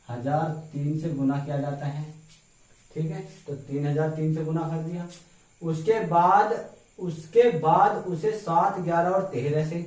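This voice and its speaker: A man's voice: on the high side, darkish tone. A man teaching exam-prep math step by step, often checking in with his students. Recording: echoey room, mic far off.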